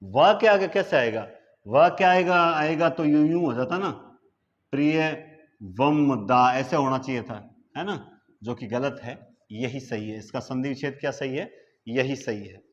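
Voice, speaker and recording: This Indian grammar teacher, running a live online class, has a medium-pitched, expressive voice and speaks a little slowly, with the highs cut off in the audio. Working at a board, he elongates words syllable by syllable and keeps checking comprehension with rhetorical questions.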